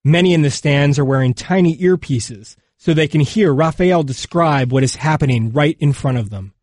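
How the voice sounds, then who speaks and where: A man reading a magazine feature as scripted narration, in a measured, solemn way. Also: on the high side, darkish tone, no echo, clean studio sound.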